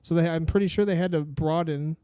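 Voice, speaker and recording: A man's voice: fairly high pitch, fairly even intonation, brisk, dark tone, clear, resonant tone, no echo. A man hosting a podcast in casual chat, talking bluntly and swearing often. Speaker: podcast host.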